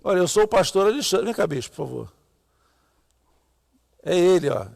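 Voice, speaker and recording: Creaky-voiced Brazilian man, reverberant sound. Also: high voice, lively intonation, normal speed, a little mellow. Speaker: pastor, co-host. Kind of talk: informal Bible reading and commentary. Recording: long hall-like reverb.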